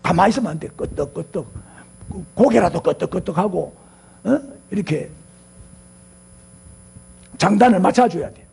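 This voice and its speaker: This older pastor from South Korea's Gyeongsang region preaches in a Gyeongsang Korean accent, his voice high-pitched, expressive, gravelly, slightly mellow and husky. He speaks at a moderate pace with frequent pauses, engaging the congregation, prompting them with rhetorical questions and leading them in repeating phrases.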